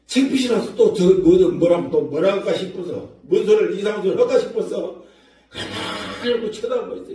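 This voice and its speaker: An older church elder with a Jeolla accent tells his testimony with feeling and bursts of laughter. His pitch swings widely and sits a bit high for a man. He is heard from a distance in a big, very echoey prayer hall. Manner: emotional, animated storytelling with laughter. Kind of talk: testimony sermon. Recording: echoey hall, mic far off.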